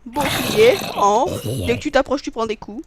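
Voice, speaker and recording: Over background noise, a man with a very high voice talks fast through his let's play, joking, punning, and rambling. He chats to himself and his viewers, swears casually, and erupts in loud exclamations.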